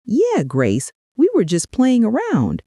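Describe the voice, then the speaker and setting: A woman's voice: fairly high pitch, wildly swooping pitch, takes it slowly, dark tone, breathy edge, no room sound, studio quality, pitched above the performer's own voice, heavily acted. A woman voicing a middle-aged man, a dismissive son-in-law who speaks in a condescending tone.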